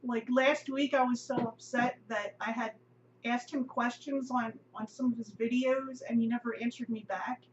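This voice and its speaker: A woman's voice: on the high side, steady tone, moderate pace. A middle-aged woman vlogging in a rambling, self-deprecating casual chat, often laughing. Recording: dull lo-fi audio with faint hum.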